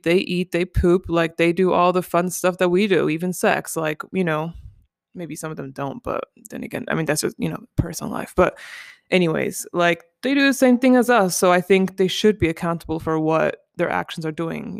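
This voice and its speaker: A woman's voice: fairly low pitch, vocal fry, no room sound, clean studio sound. A woman in her twenties hosting a casual pillow-talk chat from her living room, rambling and chatty. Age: 20s. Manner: rambling, chatty, many "like" and "you know". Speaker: podcast host.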